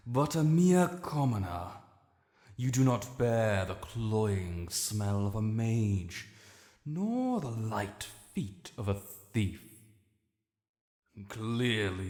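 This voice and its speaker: Suspicious and imperious, a British man plays an ancient male dragon lord in a fantasy roleplay, his low, gravelly delivery a little mellow yet formal, commanding and haughty, with deliberate archaic phrasing. The character is proud and quick to righteous anger. The audio carries cavernous reverb and a long echo.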